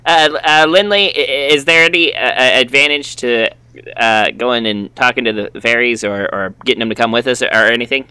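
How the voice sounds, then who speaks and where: Male player, very bright crisp voice, stammers and restarts, laughs a lot. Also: medium pitch, brisk, no echo. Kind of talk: tabletop role-play.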